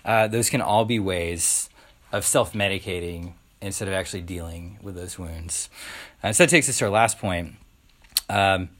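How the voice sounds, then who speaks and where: A man's voice: fairly low pitch, fairly bright tone. A man preaching a casual, conversational sermon, full of filler words and rhetorical questions. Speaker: pastor.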